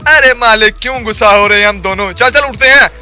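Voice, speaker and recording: A man voicing a foolish, fawning male ghost sidekick who whines and calms his master in a comic skit. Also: high-pitched, fast talker, faint music behind. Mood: placating.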